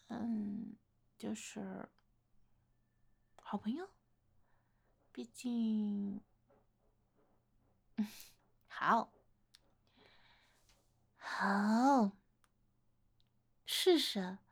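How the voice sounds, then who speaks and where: A woman's voice: medium pitch, creaky, heavily acted. A woman playing a playful older-sister type who coaxes and teases a younger man confessing to her, in a one-sided romantic role-play. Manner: coaxing, playful teasing, gentle laughter.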